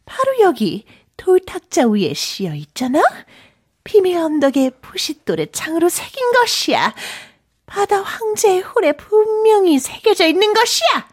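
A woman playing a shrill, imperious witch queen. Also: big pitch swings, very fast. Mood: scornful. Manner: shrill, sneering, commanding.

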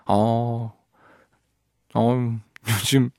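A man's voice: medium pitch, flat delivery, very slow, darkish tone, no room sound, clean studio sound. A man hosting a radio show, reading out listener messages playfully and laughing often. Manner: playful, laughs often, strains voice singing a line. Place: radio studio.

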